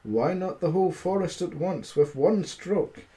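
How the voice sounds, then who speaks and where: A man's voice: high-pitched, expressive, unhurried, warm tone, pitched above the performer's own voice. A man voicing a cheeky, boastful little tailor in a storybook, with bold emphatic phrasing.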